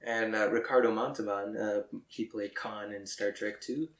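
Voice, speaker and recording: A man's voice: fairly low pitch, steady tone. Wry man in an echoey room. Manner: wry, critical, quick asides with chuckles. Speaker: podcast co-host. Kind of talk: casual movie discussion.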